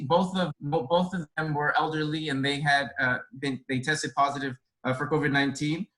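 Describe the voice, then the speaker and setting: Over a rough recording, a care resource coordinator on a video call, a Boston native whose first language is Spanish, responds to a webinar panel question. He's earnest and reflective, speaking in long, winding sentences. His voice runs a little high, bright and forceful.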